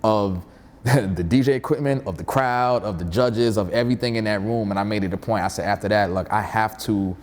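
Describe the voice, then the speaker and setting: A man's voice: fairly low pitch, a little fast, in a large hall. A man from Brooklyn hosting a casual interview chat, talking in an earnest, reflective way. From Brooklyn, New York. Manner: earnest, reflective, with frequent "you know". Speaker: podcast host.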